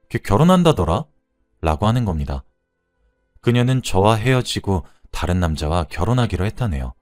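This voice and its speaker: A man in his late thirties narrates his own story in a calm, reflective, confessional way. His voice sits very low and is recorded dry and close. Soft music plays faintly behind him. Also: no echo. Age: 30s. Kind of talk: first-person storytelling narration. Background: faint background music.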